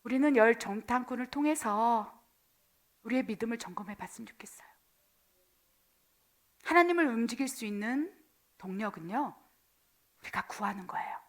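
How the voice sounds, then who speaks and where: A woman missionary pastor preaching a sermon, swinging from loud passages to near-whispers. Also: on the high side, animated, normal speed, pauses often. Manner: acts out quoted voices.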